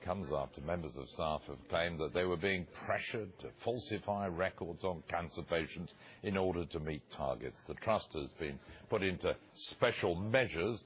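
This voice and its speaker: A British man with a very deep voice anchors a news broadcast. He reads in a measured, formal way.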